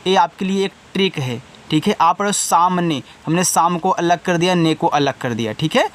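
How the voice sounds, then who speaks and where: Male teacher with a high voice, patient and methodical, addressing his students directly. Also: moderate pace. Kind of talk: online lesson. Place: indoors with wind outside.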